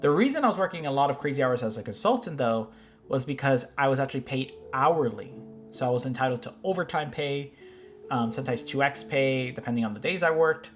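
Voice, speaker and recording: A man's voice: medium pitch, lively intonation, a little fast, soft background music. A man in his thirties hosting a reaction show, giving loose, rambling commentary with frequent restarts. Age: 30s. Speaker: host reacting to finance videos. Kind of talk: casual commentary.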